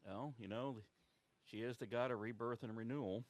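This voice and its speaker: A man's voice: medium pitch, moderate pace, natural voice. A man voicing an ancient, sleepy druid in a tabletop game, hesitant and rambling as he thinks aloud. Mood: hesitant recollection. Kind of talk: improvised in-character tabletop role-play.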